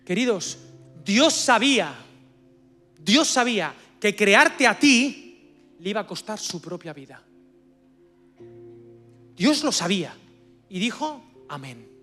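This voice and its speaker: A man with an accent from Spain preaching a sermon as guest speaker at a church service, swinging from hushed asides to loud bursts. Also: high voice, big pitch swings, slow pace, pauses often, faint music behind. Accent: Spanish from Spain.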